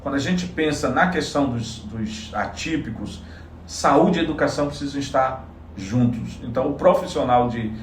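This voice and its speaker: A psychologist and political candidate from Salvador, Bahia, Brazil, answers interview questions earnestly and explanatorily, often restarting his sentences. His medium-pitched voice moves at a moderate pace, sounding reverberant and distant from the mic with slight background noise.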